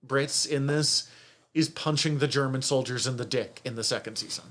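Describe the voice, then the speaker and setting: A man's voice: mid-range voice, moderate pace, fairly bright tone. A man co-hosting a podcast, chatting casually about a TV series, swearing freely and laughing often. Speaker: podcast co-host. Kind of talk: casual review chat.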